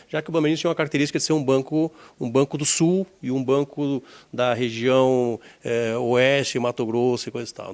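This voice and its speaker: A man in his sixties from southern Brazil with a Gaúcho accent, an insurance executive recalling his career in an interview, measured and repeating words as he searches for them. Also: medium pitch, darkish tone. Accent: Gaúcho Brazilian Portuguese.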